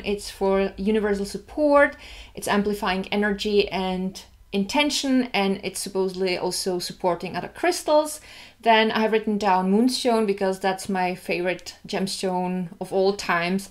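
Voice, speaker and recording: Chatty woman vlogger, candid and easygoing. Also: medium pitch. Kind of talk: casual vlog talk.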